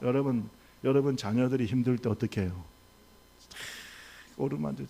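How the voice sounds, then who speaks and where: A man's voice: medium pitch, brisk, gravelly, dark tone, husky. A male pastor preaching a sermon emphatically and having the congregation repeat after him. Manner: emphatic, leads the congregation in call-and-response. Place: church sanctuary.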